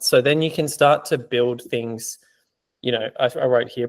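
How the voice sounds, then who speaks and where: During an informal teaching Q&A, an exam prep tutor talks through explanations in a chatty way, full of filler words. His voice is mid-range.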